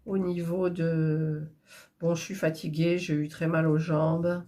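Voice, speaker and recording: A woman's voice: low voice, little pitch movement, slow, dark tone. A woman with a stuffy nose, chatting in a rambling, casual way while preparing embroidery threads. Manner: chatty, rambling, with frequent fillers and restarts. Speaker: cross-stitch crafter vlogger.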